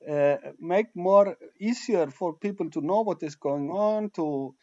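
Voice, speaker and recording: A man from Iceland, hosting an online meeting over a video call and talking haltingly as he searches for his words. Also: high-pitched, mellow. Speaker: meeting host. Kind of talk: casual online meeting talk. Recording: muffled video-call audio.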